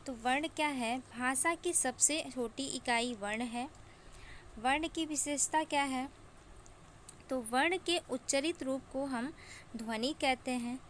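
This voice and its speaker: A woman teaching an exam-prep grammar lesson, defining terms and drawing out each example slowly and deliberately. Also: high voice, a bit bright, slight background noise.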